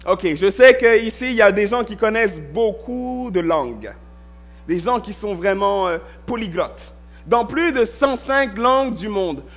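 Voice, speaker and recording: In a church, a man preaches a sermon with a voice that sits high, leaning on key words, drawing them out, and occasionally breaking into a shout.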